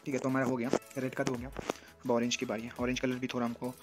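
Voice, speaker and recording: Fast-talking man teaching photo edits. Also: mid-range voice, completely flat delivery, faint music behind. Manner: explains step by step, often checks in with "theek hai na". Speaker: photo editing tutor. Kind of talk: casual screen-recorded tutorial.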